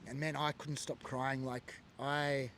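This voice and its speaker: At a slightly slow pace, a medium-pitched, fairly bright voice delivers its story flatly over slight background noise. It belongs to an Australian man from Sydney, a former biker, whose personal testimony is earnest and emotional, with many fillers.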